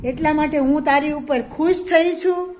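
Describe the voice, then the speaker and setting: A woman teacher voicing a kind, gentle female forest goddess in a storybook tale for young children. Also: high-pitched, moderate pace, a little hiss or hum, natural voice. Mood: pleased.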